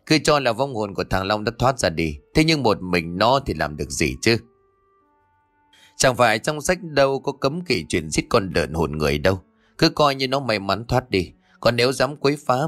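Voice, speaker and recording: A man narrating an audiobook story in steady scripted storytelling. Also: on the low side.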